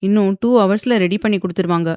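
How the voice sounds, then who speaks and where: A woman's voice: mid-range voice, fast, mellow, clean tone, no room sound, clean studio sound, close to an everyday voice. A woman voicing a stern young man who speaks curtly and with impatience. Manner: curt and threatening.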